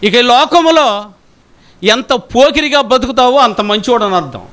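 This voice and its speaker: A man's voice: very high-pitched, lively intonation, moderate pace, a bit bright. A middle-aged male pastor with a Telugu accent, preaching a sermon that is full of emphatic rhetorical questions to the congregation.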